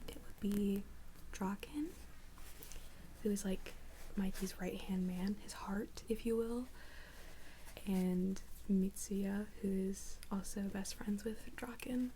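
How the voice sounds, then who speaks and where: A young woman in a whispered role-play as a librarian, speaking in a soft, halting whisper. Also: medium pitch, fairly even intonation, slight background noise. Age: young adult. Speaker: ASMR creator playing a librarian.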